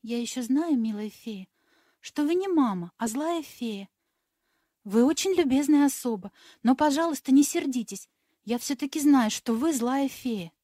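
Brief: meek seven-year-old prince, high and soft-spoken, dry close sound, read by a woman. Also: animated, unhurried, dry recording. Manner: gentle, earnest pleading. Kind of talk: audiobook reading.

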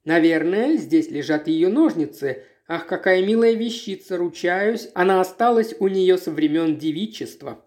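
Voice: mid-range voice, animated, moderate pace, hardly any pauses, a little mellow, close to an everyday voice. A reader voicing a bitter middle-aged farm wife in a read-aloud story. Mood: eager. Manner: bitter, grave.

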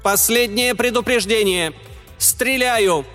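A man voicing a booming, metallic old robot guard in a rigid monotone for an audiobook. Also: takes it slowly. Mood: monotone report. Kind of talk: audiobook reading. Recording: long reverb with faint music.

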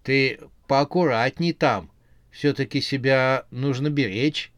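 A man's voice: medium pitch, no room sound, natural voice. Exasperated scolding witch, voiced by a man. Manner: exasperated, scolding, quick retorts. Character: irritable sharp-tongued young witch, exasperated.

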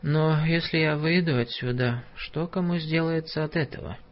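A man's voice: a little high, normal speed, voice pushed up, close to an everyday voice. A man doing a pleading, quavering old doctor. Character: distraught older male doctor, timid, pleading. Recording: dull lo-fi audiobook recording.

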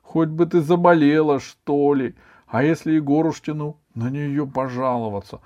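A man reading a storybook, voicing a lazy, dramatic schoolboy in a high, whiny voice. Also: sing-song, unhurried, darkish tone, no room sound, highs cut off. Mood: sly. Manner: whiny, high-pitched, theatrical wailing.

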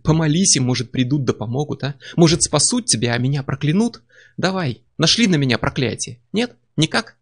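Жестокий насмешливый варвар-воин, которого озвучивает чтец-мужчина, с хрипловатым скрипучим голосом. Говорит с издёвкой, глумливо и злобно, как в мрачной аудиокниге. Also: male voice, mid-range voice, brisk, creaky, husky. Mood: sneering. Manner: sneering, taunting, cruel. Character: brutal mocking male barbarian warrior.

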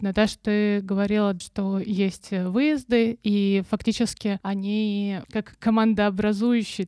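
Mellow-voiced woman hosting a podcast. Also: mid-range voice, no room sound. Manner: relaxed, reflective, with fillers. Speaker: podcast host. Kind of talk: conversational podcast discussion.

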